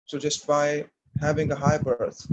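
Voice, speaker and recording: A man giving a devotional talk and telling a story, speaking haltingly and often repeating words as he searches for his phrasing. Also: fairly high pitch, little pitch movement, lo-fi sound. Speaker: speaker at a temple class.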